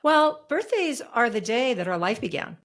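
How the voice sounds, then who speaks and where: On a podcast, a middle-aged woman is interviewed as an author and coach. Her voice sits on the high side and is very animated, at a moderate pace. She speaks earnestly and emphatically, repeating her key phrases.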